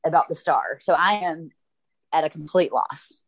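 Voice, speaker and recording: A woman's voice: low voice, normal speed, no room sound, low-quality recording. A woman co-hosting a podcast, chatting casually and bluntly, with the odd swear word. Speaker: podcast co-host. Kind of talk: casual chat.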